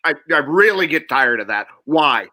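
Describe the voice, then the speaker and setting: A man captaining an improv team, playing a scene with loud comic outbursts. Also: a little high, animated, moderate pace.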